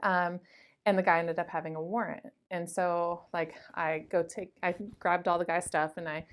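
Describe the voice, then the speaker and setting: A woman's voice: on the low side, normal speed, clean tone. Chatty woman deputy telling stories. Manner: chatty, lively anecdotes with frequent "like" and "um". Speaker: school resource officer, deputy. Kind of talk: casual interview storytelling.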